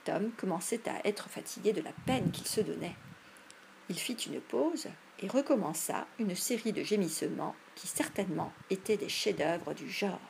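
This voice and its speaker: A woman narrates a classic storybook in a measured, expressive way. Her voice sits at a middle pitch, and a faint background hiss runs under the reading. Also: vocal fry. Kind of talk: audiobook reading.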